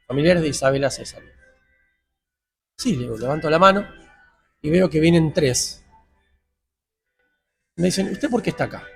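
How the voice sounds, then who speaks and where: Argentine man, gravelly voice, interviewee, acts out conversations. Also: fairly high pitch. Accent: Argentine Spanish. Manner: retells dialogue in quoted voices, tense. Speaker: interviewee, father. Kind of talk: emotional personal account.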